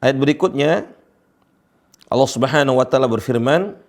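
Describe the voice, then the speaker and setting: A man's voice: mid-range voice, expressive, moderate pace. A man teaching Quran recitation, patiently drilling each letter sound for his students.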